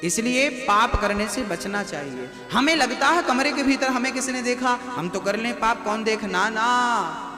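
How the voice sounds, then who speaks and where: A man giving a devotional sermon to a live audience, asking them questions and slowly reciting verses. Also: very high voice. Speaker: spiritual preacher. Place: large hall with live audience. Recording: echoey hall recording with music.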